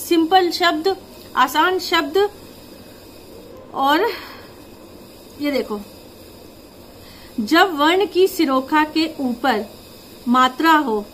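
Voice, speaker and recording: A woman with a fairly high voice explains a worksheet in a patient teaching style, drawing out each example word slowly. A faint background hiss sits under her close-miked voice. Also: rough recording. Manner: slow, drawn-out reading of example words. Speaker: teacher presenting a worksheet lesson. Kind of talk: explaining a lesson to teachers and parents.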